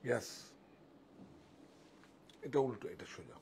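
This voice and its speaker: A man's voice: medium pitch, very animated, a little slow, darkish tone, slight background noise. A man selling saris on a live stream, chatting with viewers and directing helpers off to the side. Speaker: sari seller on a live sale.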